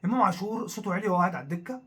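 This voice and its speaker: A man with an Egyptian Arabic accent, co-hosting a casual football talk show, animated and full of fillers as he goes over the story. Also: high voice, very fast, breathy edge. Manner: animated, repetitive, thinks aloud with many fillers. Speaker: co-host of a football talk channel.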